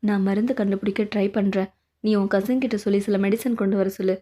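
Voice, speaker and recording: A woman voicing a calm, serious young male doctor in a fan dub of a drama, talking low, steady and commanding. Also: fast talker, natural voice.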